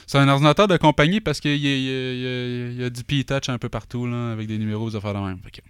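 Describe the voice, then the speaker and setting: Québécois guy telling a story, lots of "euh" and asides, smooth clear voice, dry close sound. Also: medium pitch, fast, no room sound. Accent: Québécois French. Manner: animated anecdote-telling with many fillers and asides. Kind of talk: casual chat.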